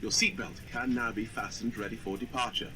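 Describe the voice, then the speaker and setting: A man giving a formal, measured airline cabin announcement over a public-address loudspeaker. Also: mid-range voice, fairly even intonation. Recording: distant loudspeaker with loud cabin noise.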